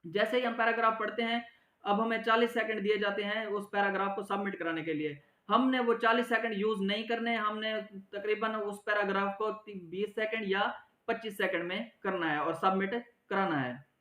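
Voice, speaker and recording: A man's voice: sits high, steady tone, moderate pace, bright, forceful tone. A man giving an exam coaching lesson as a teacher, explaining step by step and answering his own questions. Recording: roomy echo.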